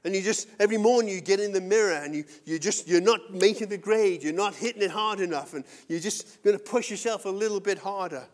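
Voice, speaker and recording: Male pastor, high-pitched, earnest conversational sermon, big swings in volume. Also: fairly quick, hardly any pauses. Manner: earnest, conversational preaching with wide swings in loudness.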